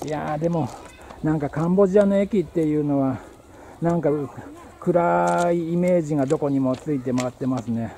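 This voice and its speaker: A travel vlogger narrates a casual vlog, musing aloud and thinking as he goes while walking around a small rural train station. His voice is fairly high, fairly quick, gravelly and mellow. The low-quality handheld camera mic picks up outdoor ambience with birds and traffic.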